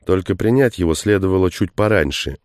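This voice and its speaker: A man's voice: sits low, expressive, brisk, darkish tone, no room sound, clean studio sound. A man doing a snide, sarcastic soldier. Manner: snide, mocking. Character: sarcastic, snappish male soldier.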